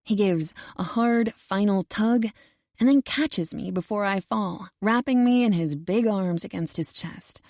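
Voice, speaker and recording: A woman narrates a first-person romance audiobook with a gravelly, creaky texture. She reads slowly and evenly, in a dry, close studio sound. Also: medium pitch, darkish tone, no room sound.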